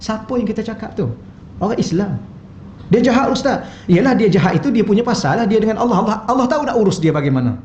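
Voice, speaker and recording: Man, Malaysian Malay accent, middle-aged, high voice, animated mosque lecture, echoey hall recording. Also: rapid-fire, dull audio, slight background noise. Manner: animated, acts out quoted voices with humour. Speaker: religious teacher.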